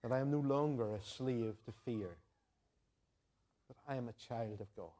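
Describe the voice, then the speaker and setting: Preaching in a mid-range, dark voice at normal speed, a Northern Irish man with an Ulster accent addresses a congregation. He is earnest and conversational, repeats phrases for emphasis, and mixes in homely anecdotes and prayer.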